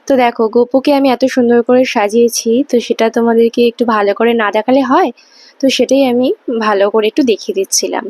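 Soft-spoken young Bengali woman vlogger. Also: fairly high pitch, fairly even intonation, fast talker. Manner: chatty, tag questions to viewers. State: sore throat, talking softly. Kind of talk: casual home vlog narration.

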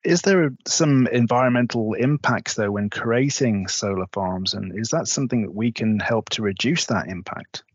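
Husky low-voiced man co-host. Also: moderate pace, hardly any pauses, no room sound. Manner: brief direct questions. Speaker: podcast co-host. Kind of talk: interview questions. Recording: dull dry studio sound.

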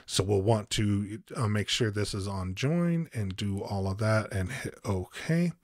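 A man giving a calm step-by-step software tutorial as host, with frequent ums. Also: lowish voice, unhurried, dry recording, clean studio sound. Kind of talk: screen-recorded software tutorial.

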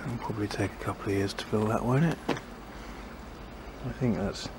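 Here a gardening vlogger with a lowish voice talks at normal speed. Planting in his small backyard, he narrates casually to camera, musing, second-guessing, and frequently trailing off, all against noisy outdoor ambience.

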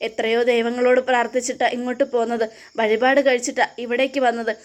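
A bitter older woman from a TV serial rails that the gods never helped, as a woman acts her out. She speaks high and scolding. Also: little pitch movement, quick pace, lightly acted.

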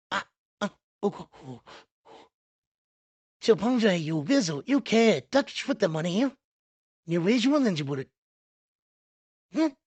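A woman giving casual commentary over a video game she plays, exclamatory and often repeating words in quick bursts. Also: mid-range voice, a little mellow, breathy edge, no echo. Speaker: gaming video creator.

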